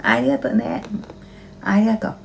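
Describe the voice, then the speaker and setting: A fast-talking, very animated woman in her 80s, with a gravelly mid-range voice and a rural Kanto Japanese dialect, mutters and complains plaintively while reading livestream comments aloud. She's flustered, chatting casually from her small, cluttered home kitchen-dining room. The audio comes from a handheld phone close to her face, with faint room noise.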